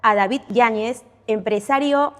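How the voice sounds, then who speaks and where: A woman with a fairly high voice hosts a podcast interview. She introduces her guest and echoes his points back in short, affirming summaries. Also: a little slow. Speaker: podcast host. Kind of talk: interview hosting.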